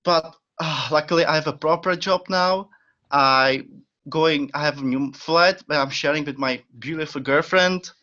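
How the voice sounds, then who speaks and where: Here a young Czech-accented man, using English as his second language, is an eager guest on a podcast, chatting casually in interview style with many fillers and little laughs. His voice is a little high and sharp, at a moderate pace. The recording sounds dull and lo-fi.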